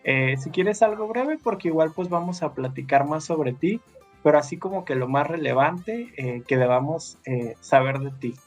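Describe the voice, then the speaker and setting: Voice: medium pitch, expressive, normal speed, faint music behind. Hesitant podcast interviewer, winding questions.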